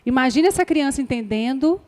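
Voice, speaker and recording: Lady teacher, high voice, gentle coaxing way of explaining, lots of echo. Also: animated, a little fast. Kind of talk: classroom lecture.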